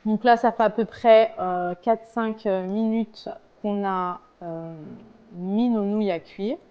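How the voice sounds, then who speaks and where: A woman's voice: mid-range voice, steady tone, slow pace, smooth, highs cut off. A woman casually talking through a recipe step by step as a home cook, in a hesitant, explanatory way. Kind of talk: casual cooking tutorial, talking through steps.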